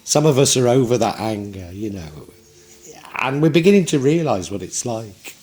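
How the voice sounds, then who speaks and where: A man's voice: mid-range voice, expressive, normal speed, darkish tone. A man in his sixties giving a tarot reading in a reflective, rambling way with frequent restarts. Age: 60s. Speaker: tarot reader.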